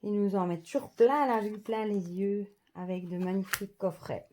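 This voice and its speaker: A woman's voice: mid-range voice, steady tone, moderate pace, dark tone, slight background noise. A woman showing off an oracle card deck in a casual vlog, murmuring each card's name in an admiring voice that often drops to a half-whisper.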